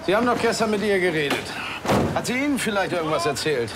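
A man's voice: high-pitched, big pitch swings, fast, long reverb tail, very noisy. A man playing a police detective who questions in a probing, ironic, conversational way.

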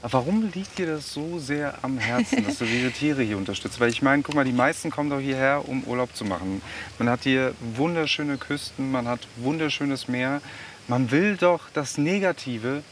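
Man, casual vlog chat, outdoors, mid pitch, faint background noise. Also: expressive, normal speed. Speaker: vlogger interviewing locals.

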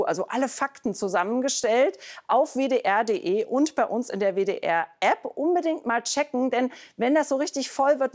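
A woman TV presenter talking in a lively, chatty way, giving viewers tips. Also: on the high side. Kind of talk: live presenter chat.

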